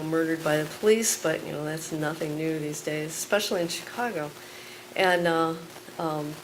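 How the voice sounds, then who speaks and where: A woman reads her poetry live and chats casually between pieces. Her voice sits fairly low and moves at an unhurried pace, with deliberate emphasis. There is clear background noise from the live event. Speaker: poet. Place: live poetry night at a cafe.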